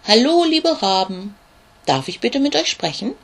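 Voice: mid-range voice, very animated, a little slow, gravelly, fairly bright tone, breathy edge, pitched above the performer's own voice, heavily acted. A narrator voicing Olli, a small pleading ladybug. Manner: pleading, polite and eager. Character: small timid young male ladybug.

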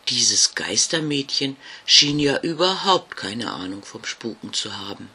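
A man reading a German children's bedtime story aloud, slow and expressive. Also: mid-range voice, slightly rough.

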